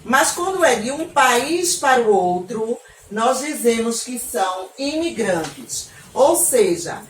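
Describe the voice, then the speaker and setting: A woman from Northeast Brazil gives an online geography lesson to young pupils, warm in manner and often pausing to check they follow. Her voice sits fairly high and reaches the mic from a little distance, with echo in the room and faint background noise. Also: big pitch swings. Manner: affectionate, frequent checking questions to pupils. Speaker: teacher. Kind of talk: online class lesson for children.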